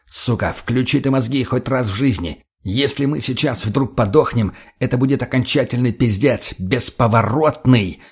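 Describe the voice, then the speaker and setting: A man's voice: mid-range voice, moderate pace, few pauses, breathy edge. A man voicing a menacing, foul-mouthed male mage who snarls and hisses his threats. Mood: angry. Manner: snarling, hissing threats, swearing.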